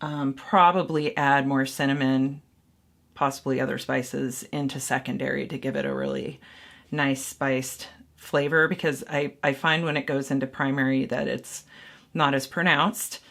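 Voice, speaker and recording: This casual how-to vlog features a woman brewing mead at home, talking the viewer through every step as she rambles, thinks aloud and laughs at her own slip-ups. Her voice is extremely low, gravelly and a bit bright, with fairly even intonation at a normal speed.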